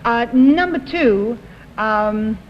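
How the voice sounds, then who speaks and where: Female game show panelist, slightly high voice, probing polite questions, muffled old TV audio, faint noise. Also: animated, drawn-out words. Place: TV studio. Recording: dull, reverberant vintage TV studio audio.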